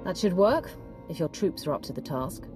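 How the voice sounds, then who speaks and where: A woman playing a stern, self-assured dark warrior commander in a video game, speaking in a terse, commanding way. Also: fairly low pitch, animated, normal speed, natural voice. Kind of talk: video game cutscene acting. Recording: music behind the voice.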